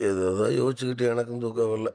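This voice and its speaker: An actor in a TV serial playing a calm, resigned middle-aged husband reassuring his wife. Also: mid-range voice, fast, a crowd in the background, lightly acted. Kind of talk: Tamil TV serial acting.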